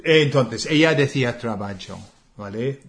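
A man with an English accent speaking Spanish, co-hosting a relaxed language lesson, slow and hesitant with many fillers. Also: medium pitch. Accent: English learner speaking Spanish. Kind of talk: casual conversational lesson.

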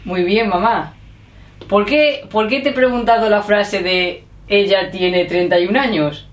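A woman, hosting a casual interview with lively, teasing questions. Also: medium pitch, a little slow. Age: 30s. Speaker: interviewer, video host. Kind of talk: casual chat. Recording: echoey room, distant mic.

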